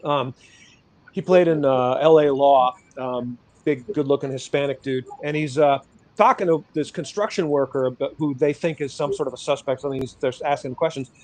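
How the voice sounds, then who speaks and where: A man's voice: medium pitch, moderate pace, a little mellow. A man, a guest on a podcast, speaking in an emphatic, impassioned and profane manner. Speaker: podcast guest, rights activist. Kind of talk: casual chat.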